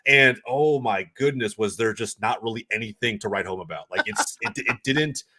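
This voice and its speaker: A man talking as a guest pundit on a casual football podcast, analysing quickly with many restarts and "right?" asides. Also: fairly low pitch. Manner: fast, animated analysis with restarts and "right?" tags.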